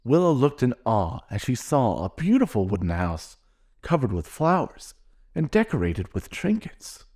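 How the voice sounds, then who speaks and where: A man gently reading a children's storybook aloud in an expressive way. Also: medium pitch, moderate pace. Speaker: narrator.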